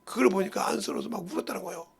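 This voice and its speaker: A middle-aged male pastor preaching a sermon full of stories, dropping to hushed murmurs and rising to loud cries as he voices relatives. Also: high-pitched, racing, creaky, breathy edge.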